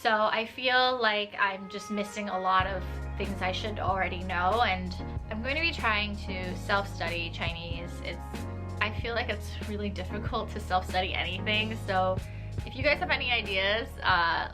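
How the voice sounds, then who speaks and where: Over music, a young vlogger from New York talks casually to camera at a moderate pace in a medium-pitched voice. Sitting indoors in a small bedroom with a desk and tapestry, she chats, laughs lightly and uses "like" often.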